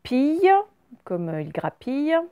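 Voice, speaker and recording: A woman teaches a recorded reading lesson to young children. She talks them through each word slowly and clearly, step by step. Her voice sits in a middle pitch and is recorded close and dry. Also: expressive, a little mellow, no echo.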